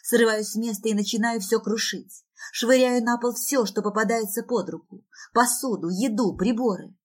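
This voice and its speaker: A woman's voice: on the high side, normal speed. A woman reading a first-person audiobook with dramatic, emotional delivery. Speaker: audiobook narrator.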